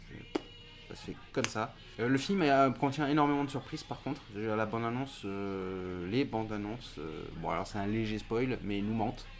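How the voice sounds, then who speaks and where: Hesitant man reviewing a film. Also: on the low side. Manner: hesitant, many fillers and restarts. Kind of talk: casual spoken film review.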